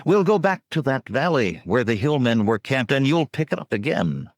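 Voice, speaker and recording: A man's voice: medium pitch, big pitch swings, moderate pace, dry recording, studio quality, pitched above the performer's own voice, close to an everyday voice. A man doing a cool, bold barbarian hero. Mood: confident. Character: bold confident male barbarian warrior.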